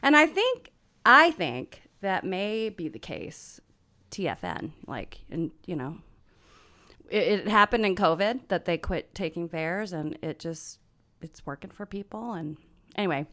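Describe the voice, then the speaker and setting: An American woman from Central Oregon, a guest on a casual morning interview, chatty and upbeat and quick to laugh. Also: on the low side, sing-song, pushed and bright. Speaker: nonprofit representative, guest.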